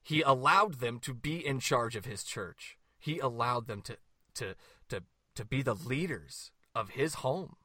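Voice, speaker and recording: A man's voice: mid-range voice, expressive, measured pace, bright, forceful tone, no echo, clean studio sound. A man debating religion with passion, quoting scripture and firing off rhetorical questions.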